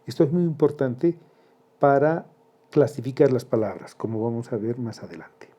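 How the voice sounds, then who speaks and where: Very dark-voiced male teacher. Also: medium pitch, expressive. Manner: slow and deliberate, spelling out syllables. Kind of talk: grammar lesson.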